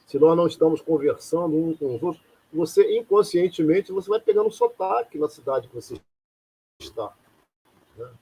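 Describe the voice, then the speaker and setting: A man from Rio de Janeiro, Brazil, hosts an informal live lecture, rambling conversationally and often posing rhetorical questions. His voice is a little high, warm and husky, with lively intonation at a moderate pace, though the audio is poor.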